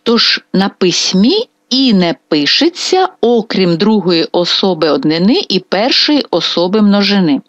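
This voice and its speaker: A woman teaching a grammar lesson on video, spelling out verb forms slowly and with care. Her pitch rises and falls a lot as she stresses each ending. The sound is dry and a little dull and lo-fi. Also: big pitch swings, no room sound. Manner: slow, careful drilling of verb forms. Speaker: Italian language teacher.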